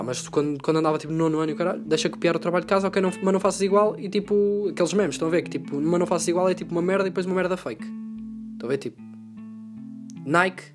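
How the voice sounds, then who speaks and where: A man with a European Portuguese accent rattles through a loose, profane solo monologue, hopping between jokes and gripes. He talks at a quick clip, and plucked guitar music plays clearly underneath him. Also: a little high. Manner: rambling, profane, joking rant. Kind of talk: casual rambling monologue.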